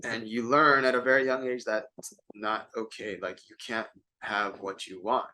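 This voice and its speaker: A man co-hosting a self-help talk, telling an illustrative story in a relaxed, conversational way. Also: on the low side, normal speed, a little hiss or hum. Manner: storytelling, conversational, many fillers. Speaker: co-host.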